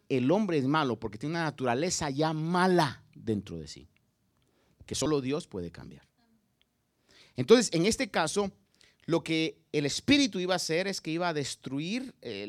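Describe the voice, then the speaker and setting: A male pastor delivering a dramatic sermon, swinging from loud emphatic bursts to quiet, drawn-out phrases. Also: mid-range voice.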